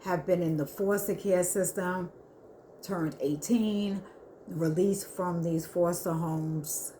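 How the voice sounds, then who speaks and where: A woman giving an earnest spiritual reading to her viewers, talking haltingly with many restarts. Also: on the low side, steady tone, dark tone, slight background noise. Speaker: spiritual reader. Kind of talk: intuitive spiritual reading to camera.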